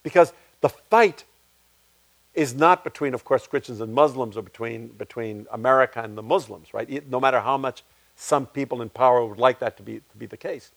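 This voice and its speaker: A man's voice: a little fast, vocal fry, no room sound. A man, a playwright, answering audience questions at a public talk in a reflective way, restarting his sentences often. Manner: reflective, restarts often, animated pitch swings. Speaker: guest speaker, playwright.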